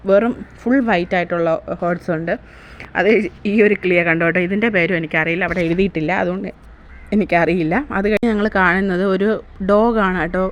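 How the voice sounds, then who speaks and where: A woman's voice: lowish voice, highs cut off. A woman narrating her family day-out vlog in a casual, chatty way, often asking viewers to comment. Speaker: vlogger.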